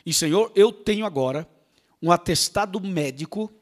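A man's voice: high-pitched, animated, normal speed. A man voicing a reluctant old male prophet who keeps pleading and making excuses.

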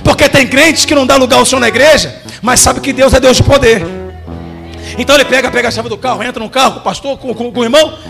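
A man with a Brazilian accent preaching a sermon, telling a story fervently and often shouting. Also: extremely high pitch, fast, vocal fry, faint music behind.

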